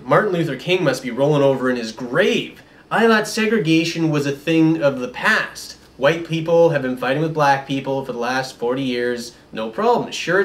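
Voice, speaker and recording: A man hosting a comedy show, delivering a satirical monologue in a deadpan, mock-serious manner. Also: on the high side, recorded from a distance.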